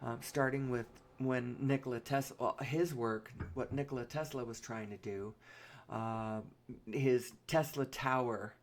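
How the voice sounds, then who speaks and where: A woman with a hoarse, raspy, rumbling low voice delivers a solo monologue in fairly even intonation. She often stops to cough and clear her throat.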